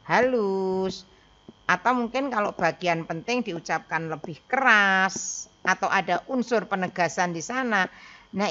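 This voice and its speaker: A woman's voice: mid-range voice, bright, forceful tone. A woman teacher from Indonesia explaining speech writing to her pupils step by step, calling them children. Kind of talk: classroom lesson recording. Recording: dull lo-fi recording.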